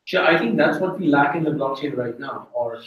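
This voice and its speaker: A man's voice: medium pitch, fairly quick, highs cut off. A man in an informal group discussion, thinking aloud in a conversational way. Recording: very echoey room, distant mic.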